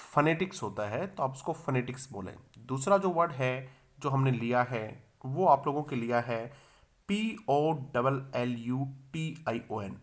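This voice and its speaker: In a video lesson, a man teaches English pronunciation, spelling words letter by letter, sounding them out slowly and repeating them. He asks the viewer questions and then answers them himself, using an expressive, mid-range voice.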